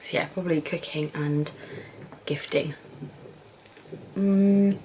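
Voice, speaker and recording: A young British woman in a casual Q&A vlog, chatting informally and frankly while eating, thinking aloud with pauses. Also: deep voice, steady tone, mellow, a little hiss or hum, low-quality recording. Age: young adult. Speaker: vlogger answering viewer questions.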